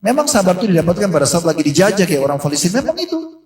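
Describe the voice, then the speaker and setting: A man's voice: sits high, sing-song, very fast, darkish tone. A man preaching a sermon in a mosque, telling a story and acting out the voices in it. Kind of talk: sermon to a congregation. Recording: echoey room from a distance.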